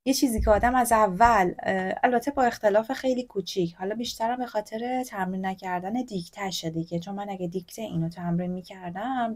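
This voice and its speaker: A woman with a Persian accent teaching a textbook lesson, reading English examples slowly and explaining them in a chatty way. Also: mid-range voice, a little mellow. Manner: chatty, corrects herself openly.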